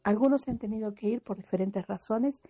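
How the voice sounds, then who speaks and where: A woman's voice: medium pitch, a little fast, dark tone, breathy edge, no room sound, faint music behind. A woman doing a chatty radio segment, talking directly to the listeners. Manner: chatty, friendly, addresses listeners. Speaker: radio contributor.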